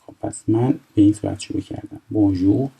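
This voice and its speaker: A man in his twenties from Iran teaching a recorded French lesson, explaining step by step and reading French phrases slowly before translating them. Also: fairly low pitch, gravelly, dark tone, husky, low-quality recording. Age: 20s.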